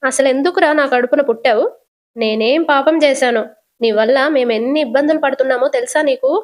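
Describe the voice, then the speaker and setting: Tearful widowed mother figure, weeping and scolding, slow and high, performed by a woman narrator. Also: lightly acted. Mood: furious scolding. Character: older widowed mother, tearful and cursing her son.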